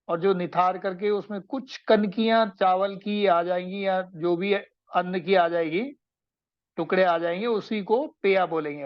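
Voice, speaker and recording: A man giving a slow classroom lecture, repeating and recapping each point so students can take notes. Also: high voice, lo-fi sound. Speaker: Ayurveda teacher.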